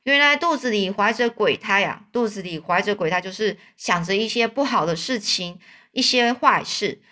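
Woman doing a kind chatty old man, bright voice, storybook. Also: medium pitch, expressive, moderate pace. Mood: kindly. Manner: kindly, talkative. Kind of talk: storybook reading.

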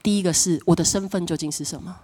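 A middle-aged woman pastor preaching a sermon, telling stories with lively acted-out voices and frequent laughter. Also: fairly low pitch, fast talker. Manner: animated storytelling, acts out quoted voices, laughs often.

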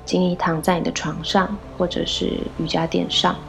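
A woman leading a guided meditation, gently giving instructions in a soft, breathy voice with pauses. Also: lowish voice, level tone. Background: background music.

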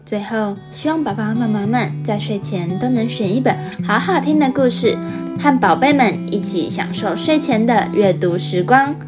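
A woman's voice: a little high, moderate pace. A woman hosting a children's story show, speaking expressively as if reading to a toddler. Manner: expressive, child-directed delivery. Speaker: children's story podcast host. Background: music.

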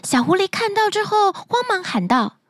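In a very high-pitched voice, a woman tells a children's bedtime fairy tale at a moderate pace, expressive and sing-song. She is recorded close to the mic with no echo.

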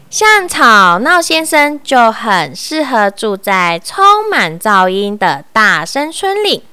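A woman reads a children's story aloud in an expressive, sing-song manner. Her voice is high, bright and clear, and she takes an unhurried pace. The sound is dry and close. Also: dry recording.

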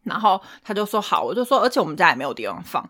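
Taiwanese woman in her 30s, podcast co-host, quick lively storyteller who laughs a lot. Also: mid-range voice. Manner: animated storytelling, laughs often. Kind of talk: casual chat.

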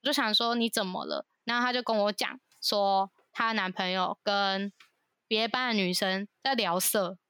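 Bright, chatty woman telling gossip. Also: medium pitch, normal speed, clean tone, no room sound, studio quality. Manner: animated, gossipy, indignant storyteller. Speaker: podcast co-host. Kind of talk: casual chat, storytelling.

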